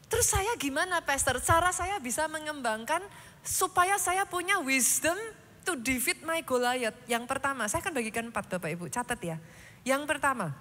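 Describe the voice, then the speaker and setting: Woman pastor, bright high voice, preaching sermon, long hall reverb. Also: expressive, moderate pace. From Indonesia. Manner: preaching with emphatic swells, mixing in English phrases. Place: large church hall.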